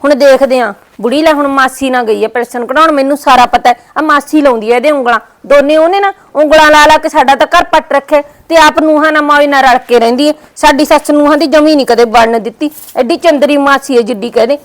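A woman's voice: high-pitched, fast, hardly any pauses. A woman playing a resentful daughter-in-law who gossips about her mother-in-law. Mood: gossipy. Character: scheming young wife, grudging daughter-in-law.

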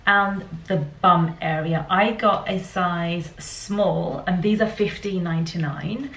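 A woman's voice: mid-range voice, fairly bright tone, a little hiss or hum. A young woman with a Yorkshire accent chatting casually through a clothing try-on haul, with light laughs and small restarts. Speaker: fashion vlogger. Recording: roomy, slightly distant home recording.

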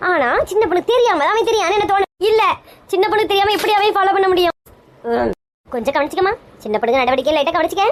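A woman's voice: extremely high pitch, racing. A woman with a Kanyakumari Tamil accent playing a bossy, protective elder sister in a comedy skit, scolding and urgent.

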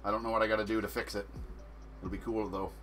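A man's voice: lowish voice, level tone, quick pace, a bit bright, faint music behind. A man chatting casually on a livestream about his grow tents, rambling, swearing constantly and laughing often. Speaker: home grow vlogger.

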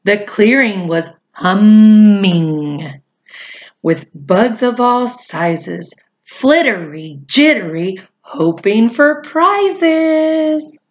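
In a small room at home, a middle-aged woman with a mid-range voice reads a picture book aloud to young children, drawing out her words expressively and adding chatty asides. The audio sounds dull.

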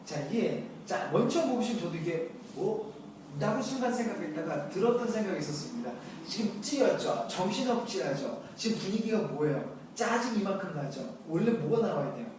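A man's voice: high voice, lively intonation, darkish tone. Korean man teaching English, echoey classroom. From South Korea. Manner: quick, chatty asides to students. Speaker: English instructor. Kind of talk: lecture on English listening. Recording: echoey classroom, distant mic, room noise.

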